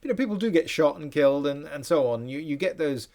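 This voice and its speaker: A man's voice: a little high, lively intonation, fast, a little mellow. A man hosting a podcast, talking through a film in an analytical, musing way with frequent restarts. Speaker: podcast host. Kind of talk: casual film discussion.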